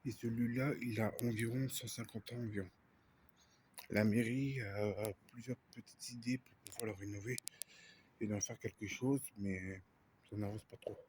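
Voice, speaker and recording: A man talking quietly in a hushed, often half-whispered way, narrating an exploration vlog at night. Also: lowish voice, fairly even intonation, normal speed, slight background noise. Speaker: urbex explorer filming for viewers. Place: inside a dark abandoned building.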